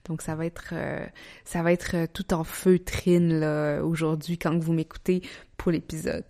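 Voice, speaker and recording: A young woman with a Quebec French accent talks casually as a solo podcast host. Her voice sits a little low for a woman. She keeps it soft, hushed and gentle, like someone talking at home at night without wanting to wake anyone. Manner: soft, hushed, gentle delivery so as not to wake a sleeping child. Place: living room at home at night.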